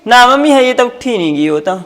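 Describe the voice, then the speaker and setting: A woman's voice: a little high, animated, fast talker, fairly bright tone. A young woman playing a placating elder daughter-in-law in a family skit. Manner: soothing, placating.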